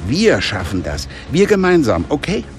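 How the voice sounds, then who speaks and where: A man's voice: mid-range voice, expressive, a little slow, soft background music, pitched above the performer's own voice. A man voicing an urgent, eager teenage boy who leads an adventure in a storybook. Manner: raised, eager, pushy.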